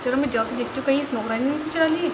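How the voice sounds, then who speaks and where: A woman's voice: high voice, very fast, close to an everyday voice. A woman voicing a bossy, stingy rich lady of the house who talks down to her maid, recorded in a roomy, noisy space. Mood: worried. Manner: scolding and commanding.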